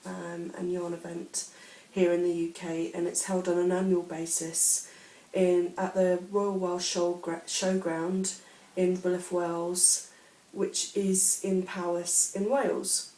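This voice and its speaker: A woman hosts a casual craft podcast while suffering a bad cold, so she sounds sniffly and hesitant, with plenty of ums and restarts. Her voice is low and dark. She speaks away from the mic, which is distant, leaving a roomy echo.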